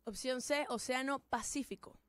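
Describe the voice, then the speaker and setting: A woman's voice: high-pitched, normal speed, no room sound. A Venezuelan woman co-hosting a radio show, joking and reading out announcements. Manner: jokey, laughs often, reads out announcements. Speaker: radio co-host. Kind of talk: playful radio banter.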